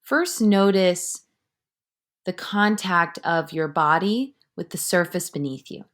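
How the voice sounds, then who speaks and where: A woman leading a guided breathing meditation with calm, measured instruction, her words often trailing off into a breathy near-whisper. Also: fairly low pitch.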